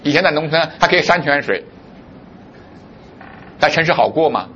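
A man's voice: a little high, lively intonation, normal speed, fairly bright tone, muffled recording, slight background noise. A male pastor preaching a sermon, who keeps putting rhetorical questions to his congregation.

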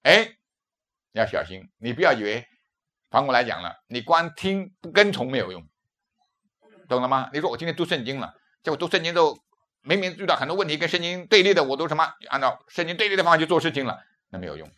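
A man's voice: fairly high pitch, big pitch swings, fast talker, pushed and bright. A man in his fifties from China, preaching a sermon with emphatic rhetorical questions. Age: 50s.

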